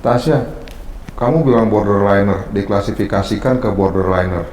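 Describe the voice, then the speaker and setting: A man hosts a podcast interview with a very low voice. He keeps his questions short and steady and agrees often while his guest talks. His voice rings in an echoey room. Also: moderate pace, slight background noise. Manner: brief, steady prompts and frequent agreeing. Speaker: podcast host.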